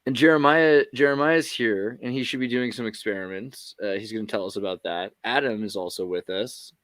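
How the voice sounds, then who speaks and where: A man's voice: fairly low pitch, brisk, fairly bright tone, no room sound. A man hosting a casual livestream, chatting loosely and joking as he checks his new setup. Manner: loose, rambling, jokey. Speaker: livestream host.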